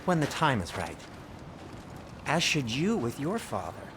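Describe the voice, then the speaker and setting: An actor playing an anxious, squeamish dwarf blacksmith in a video game, fretful, hesitant and expressive. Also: male voice, mid-range voice, measured pace, noisy background. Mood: confessional, guilty. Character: fussy, anxious male dwarf blacksmith, squeamish and guilt-ridden. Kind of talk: video game dramatic acting.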